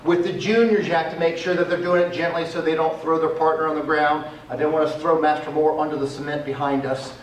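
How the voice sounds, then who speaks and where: A man's voice: fairly high pitch, level tone, quick pace, few pauses. Guy teaching self-defense moves outside, kinda far from the camera, faint hiss behind. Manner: step-by-step explaining while demonstrating. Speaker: martial arts instructor. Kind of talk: demonstrating self-defense techniques. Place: outdoors on a cement area. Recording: echoey, distant camera audio.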